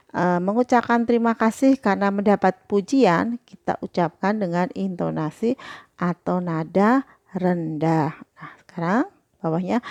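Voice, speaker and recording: A woman's voice: medium pitch, darkish tone, no echo, lo-fi sound. A woman primary school teacher, patiently explaining a lesson step by step. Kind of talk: recorded lesson walkthrough.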